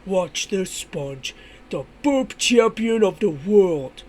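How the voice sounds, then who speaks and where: A man's voice: on the high side, fairly even intonation, slow pace, a little mellow, breathy edge. A man voicing a dim, boastful, mischievous starfish in an amateur cartoon skit.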